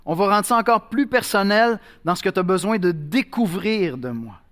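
A man preaching in a conversational way, with pauses and restarts. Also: high voice, expressive, fairly bright tone. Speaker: pastor. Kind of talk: sermon.

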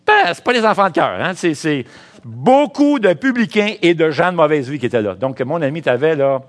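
A middle-aged man preaching a sermon as pastor, in a Quebec French accent, lively and calling out to the congregation. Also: fairly high pitch, moderate pace.

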